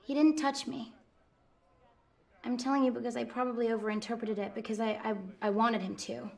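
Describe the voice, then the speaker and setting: An actress playing a pampered, romantic young woman who talks in a soft, earnest, confiding way. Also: a little high, level tone, a little fast, creaky. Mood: puzzled. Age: young adult. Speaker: actor in a film scene. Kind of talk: naturalistic film acting.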